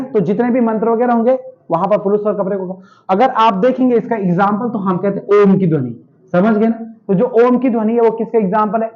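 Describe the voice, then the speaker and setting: A male teacher giving a grammar lesson, firing questions at his students and answering them himself. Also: sits high. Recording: dull lo-fi classroom recording.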